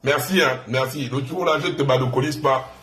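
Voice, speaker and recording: A man's voice: mid-range voice, normal speed, fairly bright tone, echoey room. A man with a Gabonese French accent hosting an online live stream, taunting and insulting a rival in a mocking, repetitive rant.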